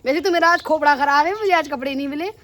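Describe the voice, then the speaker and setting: A young woman chatting casually to her vlog viewers, teasing and animated. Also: high voice, fast talker. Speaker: vlogger.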